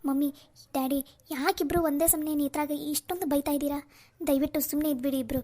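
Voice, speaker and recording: A woman's voice: sits high, fairly even intonation, brisk, warm tone, close to an everyday voice. A woman voicing a distressed young adult daughter in a cartoon family drama, begging her parents to leave her alone. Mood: pleading. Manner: begging, tearful pleading.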